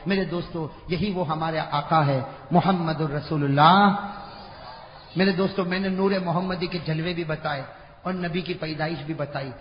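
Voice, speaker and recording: A man preaching an impassioned sermon to a large gathering, swinging between shouting and hushed talk and prompting the crowd to answer back. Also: fairly high pitch, steady tone, slight background noise. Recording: echoey, dull-sounding hall recording with faint crowd.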